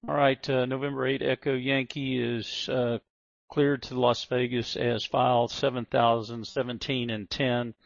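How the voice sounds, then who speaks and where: A man speaking as a pilot over a headset radio, making calls to air traffic control and reading back clearances in a relaxed way, with a few hesitant fillers. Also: mid-range voice, measured pace, no echo. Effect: pilot headset radio transmission. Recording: muffled radio audio, dry.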